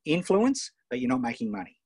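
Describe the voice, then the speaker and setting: An Australian man hosting a live online coaching session, enthusiastic and firing off quick questions over a video call. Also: high-pitched, huge pitch swings, vocal fry, a little mellow, breathy edge, no room sound. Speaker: host and coach.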